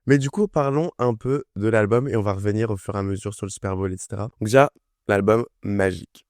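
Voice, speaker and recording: A young man talks about music in a casual, excited way, piling up fillers and repeating himself. His voice sits low, and the recording is dry and close with no room sound. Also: fast talker, no echo. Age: young adult. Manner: enthusiastic, chatty, full of fillers. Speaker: music review vlogger. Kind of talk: casual chat.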